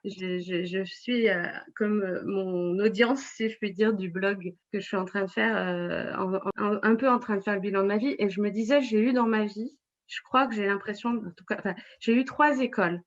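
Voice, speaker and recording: A woman's voice: medium pitch, steady tone, normal speed, dull audio. A woman in her forties, a web writer and blogger, talking in an interview with many fillers and restarts. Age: 40s. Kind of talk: casual interview.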